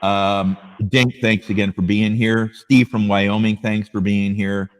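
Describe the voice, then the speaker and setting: Low-voiced man chatting on a live stream. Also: flat delivery, unhurried, clean tone, in a large hall. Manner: rambling, thanks viewers by name. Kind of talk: casual live stream chat.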